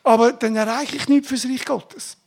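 Fervent woman preacher, high voice. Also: fairly even intonation, normal speed, a little mellow. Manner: fervent, exclaiming bursts of praise; addresses congregation directly, informal. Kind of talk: sermon.

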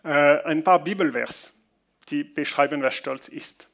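Guy preaching, kinda gravelly, a bit high, stops and restarts a lot. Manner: halting non-native German with restarts, reads Bible passages slowly. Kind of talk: sermon.

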